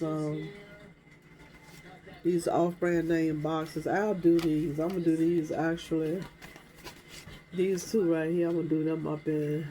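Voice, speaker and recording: A woman's voice: low-pitched, dark tone. An older woman, rambling casually to her viewers in a crafting vlog as she sorts through her supplies. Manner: rambling, talking to herself while sorting crafts. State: stuffy nose. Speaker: crafting vlogger.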